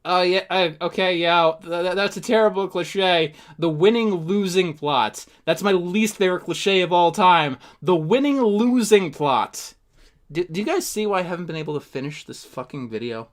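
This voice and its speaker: A man's voice: sits high, brisk, hardly any pauses, fairly bright tone. A man casually reacting to a video on his stream, stammering, swearing and sounding incredulous.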